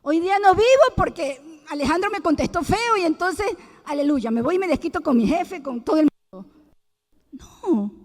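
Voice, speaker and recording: A middle-aged woman speaks in a high voice, giving an emphatic, preacherly testimony that circles back and repeats itself. Her voice rings out with a long reverb in a church hall. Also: lively intonation, normal speed, a little mellow.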